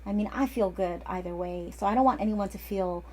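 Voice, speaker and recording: A woman in her forties who works as an acupuncturist gives a casual, chatty lesson in a mid-range, dark-toned voice at a fairly quick pace. She often drifts off topic and restarts her sentences.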